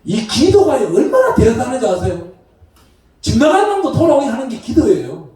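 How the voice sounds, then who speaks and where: A man, a pastor, preaching a lively sermon with shouted call-and-response to his congregation. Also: very high voice, normal speed. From Gyeongsang region, South Korea. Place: church sanctuary. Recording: roomy echo from far off the mic.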